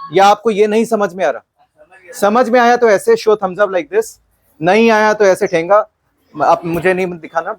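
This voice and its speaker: A man teaching a maths session to a class of youths, playful and quizzing the students often. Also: high-pitched. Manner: playful, quizzing the class, mixing Hindi and English.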